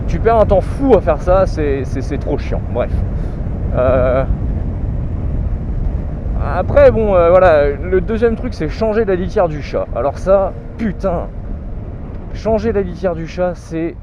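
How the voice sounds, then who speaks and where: Young man, vlogger, high-ish voice, exasperated swearing rant; muffled car recording. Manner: ranting, swears a lot, exasperated. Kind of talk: casual chat. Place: in a car in city traffic. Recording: muffled with loud traffic noise.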